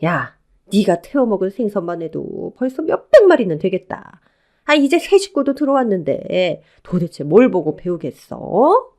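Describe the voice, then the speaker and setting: A sharp-tongued old mother-in-law, acted by a woman in a radio play. She scolds and orders everyone about. Her pitch swings widely as she nags. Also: expressive, moderate pace, lightly acted. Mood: angry. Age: older. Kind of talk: Korean radio drama acting.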